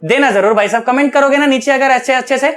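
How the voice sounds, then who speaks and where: A man's voice: very high-pitched, quick pace, fairly bright tone. A male physics teacher giving an online video lecture, chatty and coaxing, often checking that students follow, earnest and affectionate toward them.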